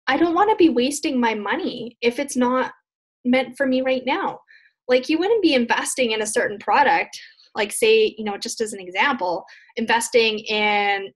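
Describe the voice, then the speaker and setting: A woman with a somewhat high voice coaches listeners through a casual webinar. She talks in an earnest, chatty way, looping back over her points in loose, repetitive phrases. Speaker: business coach presenting a webinar.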